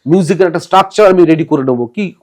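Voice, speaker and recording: A slightly high, fast-talking man appears as a podcast guest. As a theatre director, he lays out his approach to rehearsals with animation, slipping in English terms and acting out quoted dialogue.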